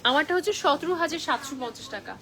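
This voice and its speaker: Fast-talking high-voiced saleswoman. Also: animated, a bit bright, a little hiss or hum. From Bangladesh. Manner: chatty, mixes English phrases in. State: a little unwell. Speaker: live-stream clothing seller. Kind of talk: live shopping sales pitch. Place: clothing shop.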